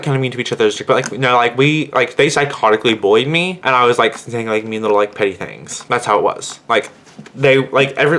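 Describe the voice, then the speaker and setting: A man's voice: mid-range voice, a bit bright. Rambling teenage guy telling a story. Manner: rambling, heavy use of "like"; indignant. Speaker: vlogger. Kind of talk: storytime vlog.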